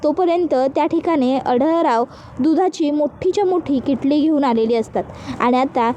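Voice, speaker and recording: A woman with a high voice retells a TV serial episode, speaking softly and steadily. Faint room ambience sits under her. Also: normal speed, highs cut off, slight background noise. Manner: soft-spoken, reads every character's lines herself. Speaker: serial episode recap narrator.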